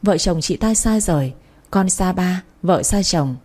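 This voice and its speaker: A woman narrating a dramatic story in a steady storytelling manner. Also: lowish voice, measured pace.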